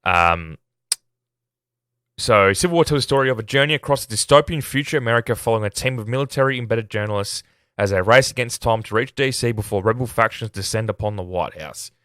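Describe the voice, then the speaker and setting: An Australian man hosts a casual film review podcast while sick, his voice at risk of giving out. He talks fairly quickly in a fairly low, slightly bright voice, rambling, self-deprecating and hesitant, with clean studio-quality sound and no room echo.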